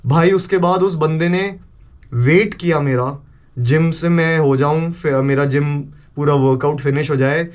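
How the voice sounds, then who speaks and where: A young man vlogging casually, retelling a story in an animated way and mixing in English phrases and swearing. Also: a little high, measured pace.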